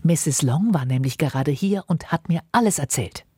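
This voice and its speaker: A woman acts out a fussy, marriage-obsessed mother in an audiobook reading, insistent and gushing. Her voice climbs well above a low, slightly husky base. It swoops widely and sounds dry and close. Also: lively intonation, moderate pace, warm tone, no room sound, full character voice. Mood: eager, insistent. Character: fussy excitable middle-aged mother eager to marry off daughters. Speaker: reader.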